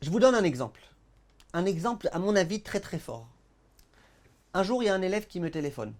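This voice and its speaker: Speaking a little fast in a high voice, this rabbi gives a Torah lesson to an audience. He's a lively storyteller who performs the dialogues himself and addresses listeners directly.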